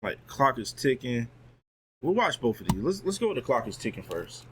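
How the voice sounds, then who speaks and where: A young man streaming a casual motivational talk to his chat, full of slang and lively asides. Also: medium pitch, normal speed, noisy background.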